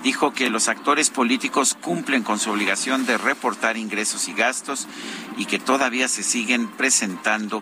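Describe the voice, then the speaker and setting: A man hosting a morning news broadcast from an improvised booth on an open-air terrace, reading the news in a relaxed, conversational way. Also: mid-range voice. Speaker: radio news host. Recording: outdoor broadcast with traffic noise. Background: street and vehicle noise.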